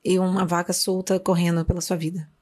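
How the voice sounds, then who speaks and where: Brazilian woman, slightly low voice, translating a religious story live, hesitant and self-correcting. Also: flat delivery, brisk, darkish tone. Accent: Brazilian Portuguese. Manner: hesitant, self-correcting, apologizing for lost words. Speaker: interpreter of a spiritual talk. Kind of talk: retelling a sacred story in translation.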